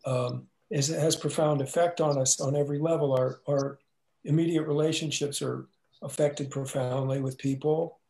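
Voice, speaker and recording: A man's voice: mid-range voice, gravelly, darkish tone, rough recording. A man talking as a podcast guest in a laid-back, casual way, sprinkling in "dig, man" and "you know.".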